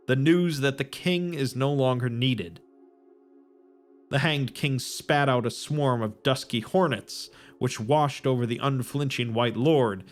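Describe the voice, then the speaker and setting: Slow, measured male storyteller over music. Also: mid-range voice. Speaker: narrator. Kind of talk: scripted narration. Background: soft background music.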